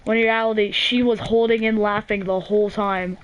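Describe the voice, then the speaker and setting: A woman's voice: medium pitch, flat delivery, brisk, clean tone, highs cut off. A teenage girl hosting a gaming channel, telling a story in a rambling, casual way full of "like", restarts and swearing.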